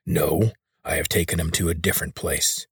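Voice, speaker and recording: A man voicing a maimed, weary mutant leader who talks in a hoarse rasp. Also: rumbling low, fairly even intonation, moderate pace, no room sound, studio quality, pitched below the performer's own voice, full character voice. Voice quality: hoarse, rasping.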